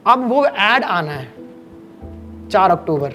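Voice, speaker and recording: A man in his late thirties from Haryana, speaking in a notably high register as an interview guest. He tells his stories in a lively, anecdotal way and slips into other people's voices. Soft music plays faintly underneath. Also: takes it slowly. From Kurukshetra, Haryana, India. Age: late 30s. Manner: animated anecdotal storytelling, acting out voices. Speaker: cricket commentator and guest. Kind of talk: podcast interview storytelling.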